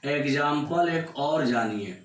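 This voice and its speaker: A man from Bihar teaching a maths lesson in Hindi, explaining slowly and repeating each step for his students. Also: fairly high pitch. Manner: slow, repetitive explaining, calls students "babu". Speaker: mathematics teacher. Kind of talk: classroom maths lecture. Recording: echoey room.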